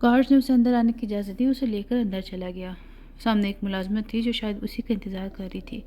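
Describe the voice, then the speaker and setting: A woman narrating an audiobook novel with steady, even storytelling. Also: medium pitch.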